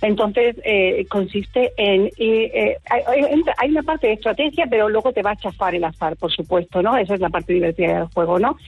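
A woman from Murcia calling in to a radio show, chatting quickly and a little nervously. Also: medium pitch, slightly rough, no room sound. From Murcia, Spain. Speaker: radio caller. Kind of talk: phone-in chat. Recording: muffled phone-in line.

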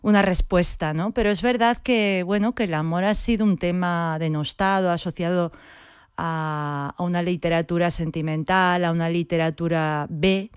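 Woman playwright talking it thru slowly, smooth voice, dead dry studio. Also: fairly low pitch, fairly even intonation, no echo. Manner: thoughtful, hesitant, restarts phrases. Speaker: playwright guest. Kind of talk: radio interview.

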